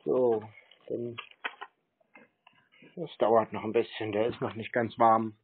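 Husky and lowish, his voice stays level and slow as he strings along a scam caller with casual, rambling small talk. He stalls nonchalantly, and the narrow-band recording is muffled and noticeably noisy.

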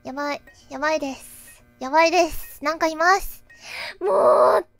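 A woman's voice: high-pitched, fairly even intonation, moderate pace, a bit bright, soft background music. A young woman streamer playing a horror game, panicking, shrieking at scares and repeating words. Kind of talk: horror game let's play.

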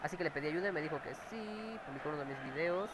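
Fighting a cold, this Mexican-accented gamer talks fast and expressively in a slightly high voice while playing, cursing at what happens in the match. A clip-on mic sits near his mouth, and the recording is very noisy.

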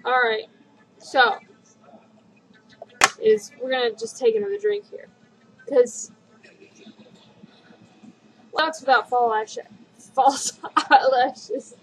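A young woman rambles giggly and drunk while casually talking through a makeup tutorial in her living room at home. Her voice is on the high side, slow and breathy, pausing often. The poor webcam audio picks up background noise.

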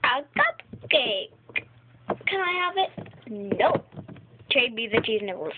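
A woman's voice: a little high, big pitch swings, slow. Young girl play-acting on a tinny phone. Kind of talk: toy play-acting with voices. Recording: tinny phone recording with loud noise.

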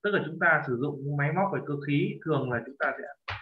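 A man leads a language lesson, patiently correcting a student's pronunciation and repeating phrases slowly. His voice sits slightly high. The recording is lo-fi and echoes around the room. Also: slight background noise. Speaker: Korean language teacher. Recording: echoey, dull lo-fi room sound.

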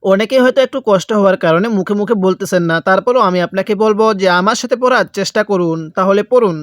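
Slow, patient man spelling recitation. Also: sits high, no room sound, clean studio sound. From Bangladesh. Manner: patient, repetitive call-and-response teaching. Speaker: Quran reading teacher. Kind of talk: step-by-step recitation lesson.

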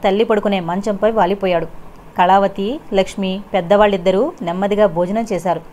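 A woman reads a novel aloud as an audiobook narrator, in steady scripted narration. Her voice sits at a middle pitch. When she voices the characters, she lifts her pitch and speaks with more force. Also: a little fast, slight background noise.

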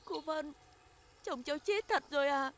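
Shrill, grief-crazed young widow. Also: female voice, normal speed. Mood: distraught. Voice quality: shrill when angry, pleading when lost. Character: grief-stricken young widow, fragile and volatile. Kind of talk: TV drama acting.

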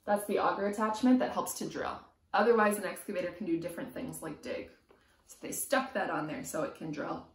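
Reading aloud to young children, a woman in her thirties who teaches preschool speaks at a fairly low pitch and a little fast. The reading is rhythmic and sing-song, emphatic on sound words. The camera sits a few feet away in a small room at home, giving the audio a roomy echo.

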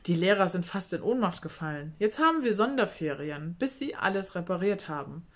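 A woman's voice: on the low side, very animated, brisk. A woman voicing a bubbly schoolgirl who chats eagerly and giggles with her best friend. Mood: excited.

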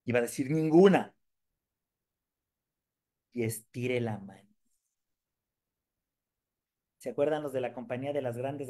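A man leading a live sales training demonstration, joking with and quizzing his audience. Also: mid-range voice. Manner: lively, jokes and quizzes the audience.

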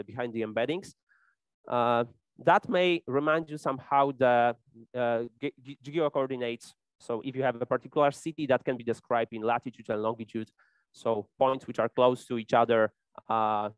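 A man presenting a technical talk at a conference, pausing often with fillers and restarting his sentences. His voice is smooth and resonant, and it sounds dry, with no room echo. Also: mid-range voice. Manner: hesitant, many fillers and restarts. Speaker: conference speaker. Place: conference hall.

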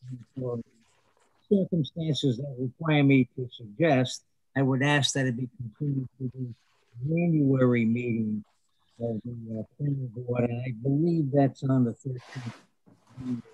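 A man's voice: medium pitch, fairly even intonation, measured pace, darkish tone, breathy edge, no echo, lo-fi sound. Man on a crackly, fading call line. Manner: polite and formal, with frequent hesitant "uh"s. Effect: crackly remote call audio that fades in and out. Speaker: attorney representing an applicant. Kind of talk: formal testimony at a public board meeting. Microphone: remote call-in line.

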